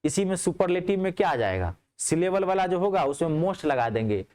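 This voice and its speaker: A man teaching a grammar class in speech, asking his students checking questions and answering them himself. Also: fairly quick. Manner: lively, rising on questions and dropping low on answers.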